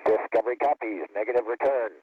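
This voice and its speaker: A man's voice: mid-range voice, fast talker, slightly rough, no room sound, phone-quality sound. A shuttle crew member, a man, making terse calls over a crackly two-way radio link. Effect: crackly two-way radio transmission.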